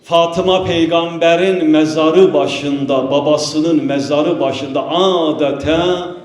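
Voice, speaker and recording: A man preaching a mourning sermon, his fairly high voice carried in slow, drawn-out phrases. He declaims with feeling and slips into chanting, and the sound rings around an echoey mosque hall. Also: fairly even intonation. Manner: emotional, declaiming, partly chanted.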